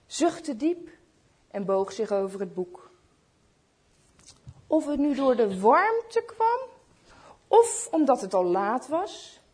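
A woman reading a Christmas story aloud to children, slow and expressive, speaking to her listeners. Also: on the high side, breathy edge.

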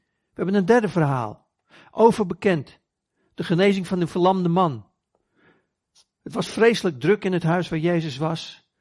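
A man's voice: high voice, unhurried, pauses often, a little mellow. A man preaching a sermon, retelling scripture stories earnestly and acting out the voices in them. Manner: earnest storytelling, acts out quoted voices.

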